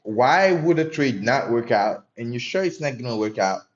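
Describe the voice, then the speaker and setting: A young Haitian man with a mid-range, animated voice talks at a moderate pace, live-streaming his day trades and chatting with viewers in a loose, profane style. The recording sounds muffled.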